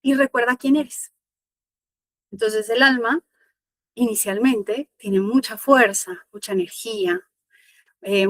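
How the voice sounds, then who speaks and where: A woman spiritual teacher telling a parable in an online masterclass, slow and reflective, repeating phrases for emphasis. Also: a little high, no echo.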